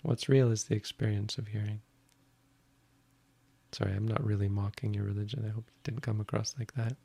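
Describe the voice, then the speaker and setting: A male Buddhist monk with a low, steady voice that barely rises or falls and carries a gravelly rasp. He answers audience questions plainly and frankly, with a dry, self-deprecating wit. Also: a little fast. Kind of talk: live question-and-answer session.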